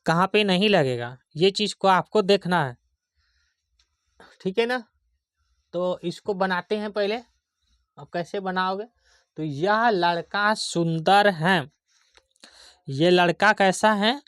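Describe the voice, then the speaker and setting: A man teaching basic English grammar in a slow, patient classroom manner, spelling words out letter by letter and often checking that students follow. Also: sits high, fairly bright tone, smooth, dry recording, clean studio sound.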